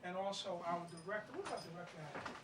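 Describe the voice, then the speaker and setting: Animated and fast, a high-pitched middle-aged man talks informally and emphatically in a plain-spoken, street-wise way over a noisy background. The playwright and martial arts master is giving an informal interview and presentation at an indoor gathering for a play reading. A distant mic records the roomy space, with people audible.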